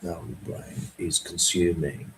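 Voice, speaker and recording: Male streamer, deep and unhurried, filler-heavy, keeps checking in with "right?". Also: fairly even intonation, a little hiss or hum, low-quality recording. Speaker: trading educator. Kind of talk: unscripted livestream talk.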